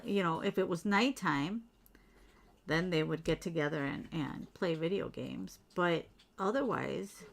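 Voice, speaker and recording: A woman's voice: mid-range voice, gravelly, a little hiss or hum. A middle-aged woman chatting casually at home while doing beadwork, rambling and reading out viewer comments. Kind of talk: casual livestream chat while beading.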